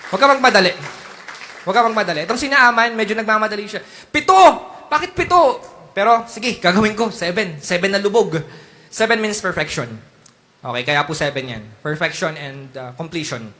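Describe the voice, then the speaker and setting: A man, preaching a sermon in a joking, animated way, acting out mock prayers and sometimes breaking into loud outbursts. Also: a little high. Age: 30s.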